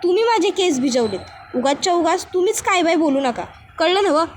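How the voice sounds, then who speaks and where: A stubborn young village bride, put on by a woman narrator, who protests in a rustic village dialect. Her voice sits high and a little raised. There is a faint hum of room noise behind her. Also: lively intonation, a little fast. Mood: protesting.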